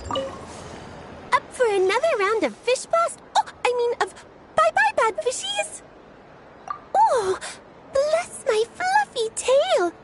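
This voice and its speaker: A very high, squeaky little stuffed bunny from a video game. It is cheerful and sweetly polite, with lively swooping intonation and an unhurried pace, like a plush mascot. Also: female voice, exaggerated voice. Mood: excited. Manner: squeaky toy-mascot voice, speaks of itself in third person. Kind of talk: video game character acting. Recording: music playing behind the voice.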